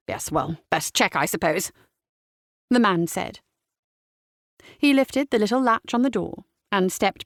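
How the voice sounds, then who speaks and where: Woman, audiobook narrator, wry storytelling, middle pitch, dry close mic. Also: no room sound. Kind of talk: scripted narration.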